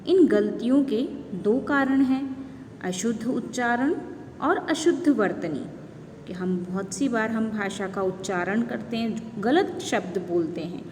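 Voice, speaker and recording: Slow, lively-voiced woman teacher explaining to children. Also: fairly high pitch. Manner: repeats tag questions to check understanding; addresses young children directly. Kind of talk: slow explanatory classroom lesson. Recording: long reverb, faint background noise.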